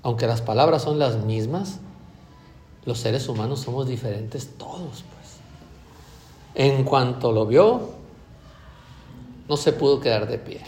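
A man's voice: mid-range voice, a little slow, long pauses, darkish tone, a little hiss or hum. A man preaching a sermon in a chatty way, often tagging his points with a question. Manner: conversational, keeps asking "¿verdad?". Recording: roomy echo.

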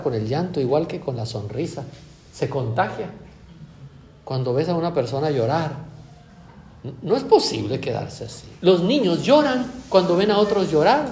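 A man gives a sermon in a slightly raised voice. He talks to his listeners as if chatting and keeps checking in with a quick question. The sound is roomy, with a clear echo around him. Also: a little high, darkish tone, a little hiss or hum. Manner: conversational, keeps asking "¿verdad?". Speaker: preacher.

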